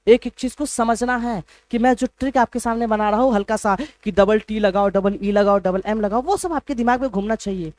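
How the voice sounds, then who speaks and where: A man's voice: high voice, a little fast, hardly any pauses, a little mellow, no room sound. A man teaching English in a live online class, playful and teasing, spelling words out letter by letter.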